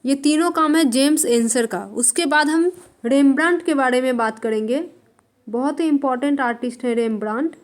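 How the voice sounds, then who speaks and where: Woman, high voice, exam-prep art lecture, slow repeated terms. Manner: writes on a board while dictating; repeats terms slowly for note-taking. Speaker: art teacher.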